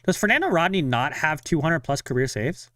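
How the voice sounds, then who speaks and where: A young man talks casually to his live-stream viewers with a lively, animated voice that swings widely in pitch. His pitch sits a little above average for a man. The sound is close and dry, with no room echo. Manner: chatty, self-talking, sighs of frustration and quick laughs. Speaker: fan streamer watching a live game.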